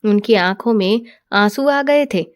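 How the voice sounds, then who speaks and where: A woman narrating a first-person family story in a steady, expressive storytelling manner. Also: mid-range voice, unhurried.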